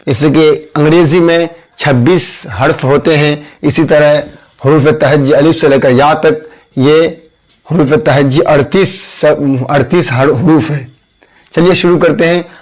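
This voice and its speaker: Slow, patient man teaching letters. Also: on the high side, steady tone, darkish tone. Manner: patient, repeats each letter and its sound step by step. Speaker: Urdu teacher. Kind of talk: slow spoken alphabet lesson.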